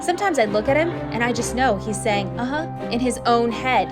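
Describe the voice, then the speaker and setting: Woman, mock attack-ad read, dry and exasperated, fairly high voice, loud music and crowd underneath. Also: lively intonation, brisk. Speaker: wife in a mock political ad.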